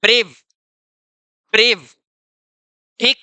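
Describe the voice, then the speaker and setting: Bright, crisp-voiced male teacher. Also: extremely high pitch, flat delivery, drawn-out words, no room sound. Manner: checks in with students often and keeps saying "your". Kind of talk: exam-prep lesson worked through step by step.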